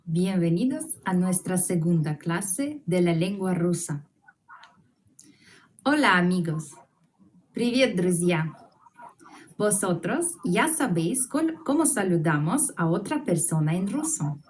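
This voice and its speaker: A woman teaching an online language class, slow and patient, repeating each word for her students to echo. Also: fairly low pitch, very animated, a little hiss or hum.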